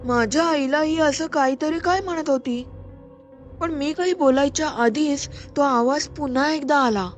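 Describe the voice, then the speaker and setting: Woman storyteller with a high voice, measured and suspenseful over soft music. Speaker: storyteller and podcast host. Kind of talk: scripted story narration.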